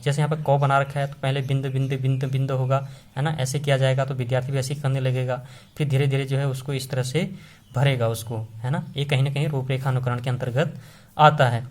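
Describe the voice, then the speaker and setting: A man at a middle pitch lectures on teaching methods for an exam-prep class. He talks patiently and repetitively, padding his sentences with fillers and frequent tag questions. His tone stays steady and instructional throughout. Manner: explains step by step with many fillers and tag questions.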